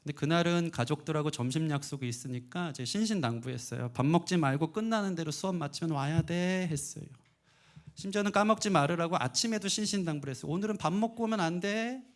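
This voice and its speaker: A middle-aged man preaching a sermon as pastor, telling a family story with lively acted-out quotes. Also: fairly high pitch, fast. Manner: animated storytelling, acting out quoted voices.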